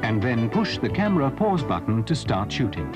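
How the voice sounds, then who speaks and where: A man reading a scripted product voice-over in a smooth, measured manner, heard from an old VHS tape. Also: mid-range voice, big pitch swings. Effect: old VHS tape audio. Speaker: promotional narrator. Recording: voice-over over loud music. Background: loud backing music.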